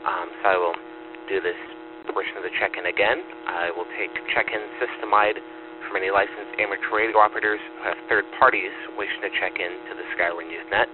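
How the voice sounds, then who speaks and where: A man running an amateur radio net as net control, acknowledging stations in a formal, methodical way over a static-laden radio transmission with a loud buzz. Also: low voice, fairly even intonation, brisk, narrow, tinny audio.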